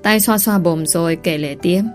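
A woman narrating a story in a steady, expressive storytelling voice. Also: on the low side, moderate pace, soft background music.

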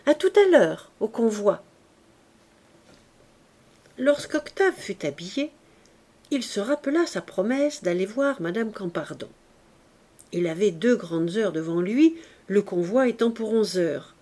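A woman reading a classic novel aloud as an audiobook, in a calm, even way. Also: mid-range voice, a little slow. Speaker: audiobook reader. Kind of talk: literary audiobook narration.

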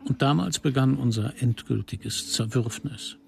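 A man narrating a radio drama in a reflective, measured way. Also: mid-range voice, gravelly, a little mellow. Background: music.

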